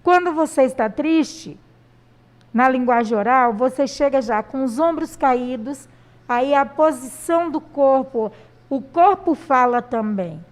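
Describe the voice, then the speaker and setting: A Brazilian woman teaching a primary school language lesson, explaining patiently with pauses and fillers. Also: high-pitched, expressive. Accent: Brazilian Portuguese. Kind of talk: recorded classroom lesson.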